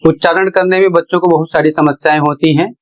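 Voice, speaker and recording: A male English teacher giving a blackboard lesson, slow, patient and repetitive, asking questions and then answering them himself. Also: on the high side, fairly even intonation, rough recording. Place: at a board.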